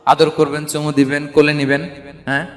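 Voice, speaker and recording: A man's voice: on the high side, monotone, fairly quick, long reverb tail. A man from Bangladesh preaching a sermon, calling out questions to the crowd. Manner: rousing, calls questions out to the crowd.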